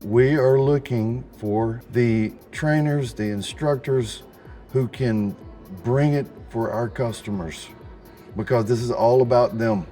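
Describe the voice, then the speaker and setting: A man, a company executive, speaking in calm, measured interview soundbites. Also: mid-range voice, faint music behind.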